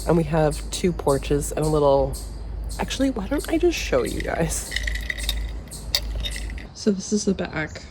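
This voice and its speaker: A woman's voice: deep voice, big pitch swings, a little slow, long pauses, background noise. A woman who is under the weather, chatting casually and informally to camera in a self-deprecating vlog style. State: sick with a cold. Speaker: vlogger.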